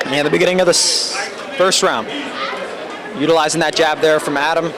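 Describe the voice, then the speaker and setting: A man giving live play-by-play boxing commentary in measured, halting phrases. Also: fairly high pitch, fairly even intonation. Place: public boxing event venue. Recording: loud crowd noise at venue.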